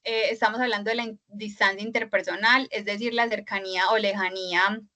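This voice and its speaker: A woman's voice: medium pitch, fairly even intonation, fairly quick, sharp tone. A woman instructor giving an online class lecture over a video call, explaining step by step with many fillers and frequent checks for agreement.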